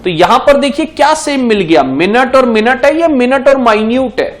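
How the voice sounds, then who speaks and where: A man's voice: very high voice, lively intonation, normal speed. A man with an Indian accent teaching an exam-prep lesson at a board, asking his class questions and answering them himself, switching between Hindi and English.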